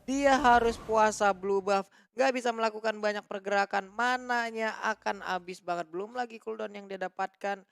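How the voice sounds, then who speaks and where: A man's voice: high-pitched, normal speed, gravelly, fairly bright tone, clear, resonant tone, no echo. A man with an Indonesian accent working as an esports caster, explaining the match in colloquial analytical commentary.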